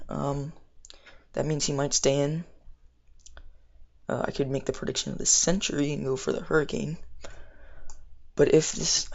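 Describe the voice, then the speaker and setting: A man's voice: medium pitch, vocal fry, lo-fi sound. A young man giving casual live game commentary, rambling and thinking aloud in slang, with slightly impeded speech as if wearing something in his mouth. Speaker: gamer narrating own battle.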